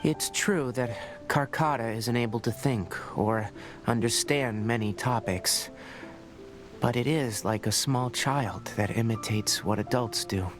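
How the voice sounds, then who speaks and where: Tighnari, a man doing a calm scholarly ranger. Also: mid-range voice, natural voice. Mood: explaining. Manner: measured, explanatory and matter-of-fact. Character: calm scholarly young forest ranger, fox-eared, composed and practical. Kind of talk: video game voice acting. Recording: game soundtrack behind. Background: game music.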